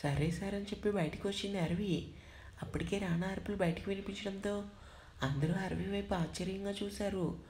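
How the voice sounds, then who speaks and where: Woman, storyteller, audio story narration, steady, expressive reading. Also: medium pitch, fairly quick, a little hiss or hum.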